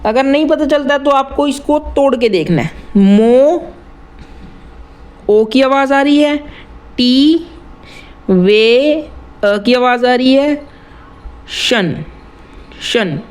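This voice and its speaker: A man explaining rap writing in a casual tutorial, often repeating words slowly to split them into syllables and mixing English terms into his Hindi. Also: very high-pitched.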